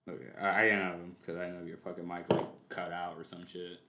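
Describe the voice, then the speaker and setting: Casting: male streamer host, lowish voice, profane and joking, recorded in an echoey room. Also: flat delivery, fairly quick, pushed and bright. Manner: swears freely, loose and joking. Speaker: streamer hosting a reaction show. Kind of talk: casual livestream reaction chat.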